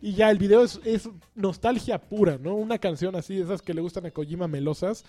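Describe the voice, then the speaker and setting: A man's voice: sits high, fairly quick, mellow. A man, hosting a casual gaming podcast, chatty and joking as he rambles on. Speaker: podcast host. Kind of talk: casual chat.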